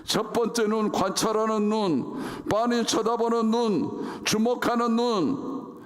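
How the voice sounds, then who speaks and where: A man's voice: high-pitched, steady tone, slow. A man preaching a sermon as pastor in a church, reading scripture dramatically and acting out the quoted lines. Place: church sanctuary. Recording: reverberant church sanctuary.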